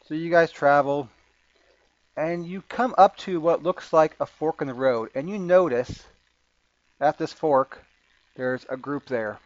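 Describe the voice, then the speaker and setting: A man's voice: a little high, darkish tone, dry recording, muffled recording. A man narrating a tabletop game as game master, often repeating words as he works things out. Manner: halting, repeats words while thinking.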